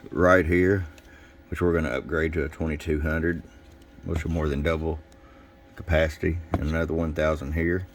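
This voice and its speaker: This man has a very deep voice, with a little background noise in the recording. Working as a radio shop technician and presenter, he gives a relaxed, unscripted hands-on product demo indoors at a radio workbench, sounding plain-spoken and folksy.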